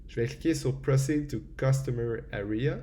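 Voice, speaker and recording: A man walks through a software setup step by step in a relaxed tutorial, often pausing with hesitations. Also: medium pitch. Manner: relaxed and explanatory, frequent hesitations. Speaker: tutorial presenter. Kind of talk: screen-recorded software tutorial.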